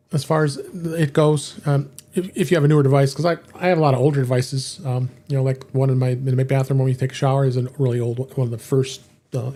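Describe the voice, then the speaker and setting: A man hosting a casual podcast discussion, speaking in a halting, rambling way. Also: medium pitch, dark tone. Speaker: podcast host. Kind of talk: casual panel chat.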